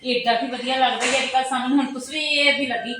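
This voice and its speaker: A woman's voice: high-pitched, steady tone, fast talker, natural voice. A woman playing a chatty, nosy village neighbour in a comedy skit, with a Punjabi accent and a prying, nagging way of talking. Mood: needling. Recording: echoey, noisy home video sound.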